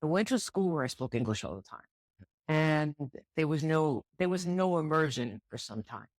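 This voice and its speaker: A middle-aged American woman with a deep, expressive voice talks at a moderate pace in a relaxed interview, appearing as a guest in her role as director of student housing. She speaks candidly and thoughtfully, repeating words as she searches for them. The recording has no room sound.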